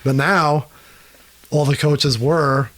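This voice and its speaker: A man's voice: fairly high pitch, steady tone, slow pace, fairly bright tone, dry recording. A man in his thirties co-hosting a podcast, talking loosely and swearing casually. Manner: loose and profane, trading references. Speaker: podcast co-host.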